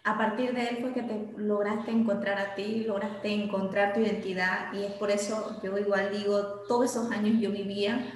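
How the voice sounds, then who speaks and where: A woman's voice: medium pitch, flat delivery, normal speed, a little hiss or hum. A woman hosting an interview, reflecting on her guest's story and relating it to her own experience. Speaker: interview host. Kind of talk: conversational interview. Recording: very echoey room.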